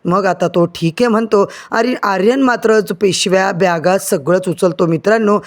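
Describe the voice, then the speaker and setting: A man narrating a recap of a family TV serial, speaking straight to his viewers in a lively storytelling way. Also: high-pitched, moderate pace. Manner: lively, addresses viewers directly.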